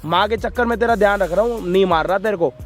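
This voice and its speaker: A man's voice: high-pitched, fast talker, faint music behind. A man hosting a social video, preachy and scolding. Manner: preachy, scolding, addresses viewers as brothers. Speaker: prank and social video host. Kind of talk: emotional street-video presenting.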